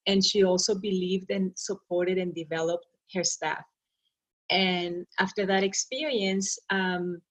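A middle-aged woman from Arizona, a school superintendent earnestly and reflectively telling her life story in an interview. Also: mid-range voice. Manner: earnest and reflective, with brief laughs and restarts.

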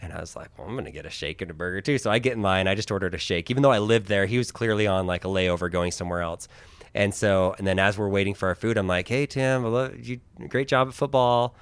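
A man hosting a casual interview, telling stories with lively acted-out quotes. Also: lowish voice, fast talker, clean tone, no room sound. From Philippines. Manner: animated storyteller, acts out quotes. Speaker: host.

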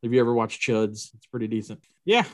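A man with a mid-pitched voice co-hosting a movie podcast. He talks casually and pokes fun at himself. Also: animated, brisk. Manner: self-deprecating, laughs easily. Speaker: podcast co-host. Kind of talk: casual chat.

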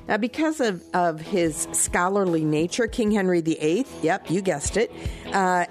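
A woman hosting morning radio, chatting and telling the story of a saint in a teasing, friendly way. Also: lowish voice. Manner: chatty, teasing, tells stories. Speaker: radio show host.

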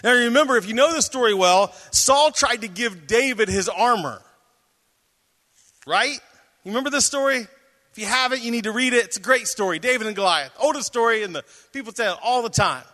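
Male pastor, sermon, high bright tone, animated delivery, reverberant hall. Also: brisk. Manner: animated preaching, reads scripture aloud and jokes with the audience.

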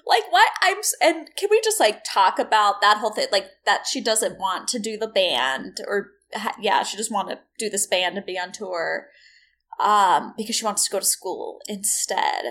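A woman's voice: medium pitch, expressive, moderate pace, a bit bright. A young woman co-hosting a casual chat podcast, chatty and giggly with lots of filler words. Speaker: podcast co-host.

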